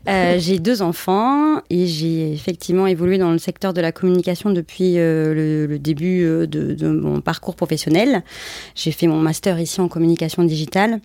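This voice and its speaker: Thirties woman from southern France, relaxed guest, lowish voice, dry office sound. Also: moderate pace, vocal fry, dry recording. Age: 30s. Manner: relaxed, laughs between phrases. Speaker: guest, entrepreneur. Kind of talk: casual interview.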